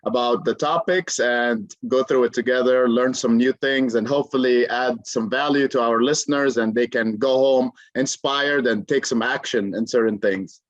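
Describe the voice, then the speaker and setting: A man's voice: medium pitch, fairly even intonation, moderate pace, hardly any pauses, no echo, dull audio. A man in his thirties, originally from Jordan, a career coach telling his story as an interview guest, earnest and full of fillers. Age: 30s. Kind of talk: interview conversation.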